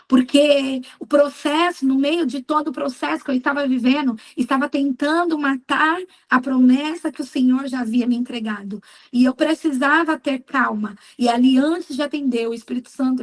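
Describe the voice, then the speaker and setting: A woman's voice: on the high side, a little mellow, rough recording. A middle-aged woman giving a fervent church testimony, telling her story emphatically and quoting her own prayers. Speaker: speaker at a women's church meeting. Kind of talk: testimony sermon.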